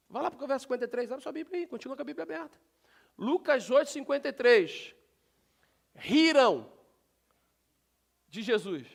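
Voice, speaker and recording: Brazilian pastor, male, very high-pitched, lively preaching to his church. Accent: Brazilian Portuguese. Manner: preaching with sudden loud shouts; animated, talks directly to the congregation. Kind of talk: sermon. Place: church sanctuary.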